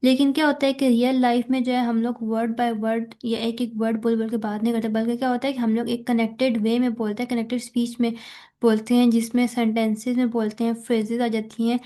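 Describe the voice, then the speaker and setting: Pakistani-accented female lecturer, slightly high voice, patient step-by-step explanations with English terms mixed in. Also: level tone, a little fast, mellow. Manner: explains step by step, mixing English terms, often checks "theek hai". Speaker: teacher. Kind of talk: recorded lecture explaining slides.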